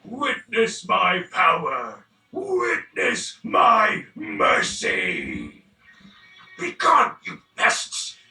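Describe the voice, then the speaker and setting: A man's voice: mid-range voice, big pitch swings, vocal fry, pushed and bright, distant mic, exaggerated voice. A man voicing a theatrical, pompous lord of shadows in a video game, making grandiose, commanding proclamations. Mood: raging, commanding. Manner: bombastic, drawn-out commanding proclamations. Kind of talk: video game character acting. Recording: roomy echo, faint music behind.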